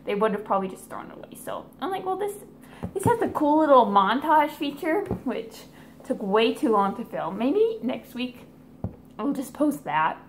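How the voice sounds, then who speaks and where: Bubbly high-voiced vlogger girl. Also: big pitch swings, moderate pace, slight background noise. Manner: bubbly, chatty, whispers asides. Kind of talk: casual DIY prank vlog.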